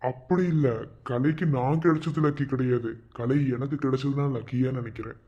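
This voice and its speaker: A man voicing a calm, devoted young man in a cartoon, speaking earnestly about his faith in love. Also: medium pitch, fairly quick, lightly acted. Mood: steady resolve. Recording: dull lo-fi recording.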